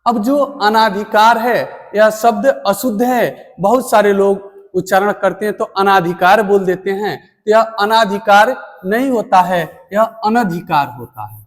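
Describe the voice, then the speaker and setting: Slow high-voiced man teaching in a reverberant room. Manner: slow, deliberate, repeats words for emphasis. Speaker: Hindi teacher. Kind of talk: spelling lesson at a board.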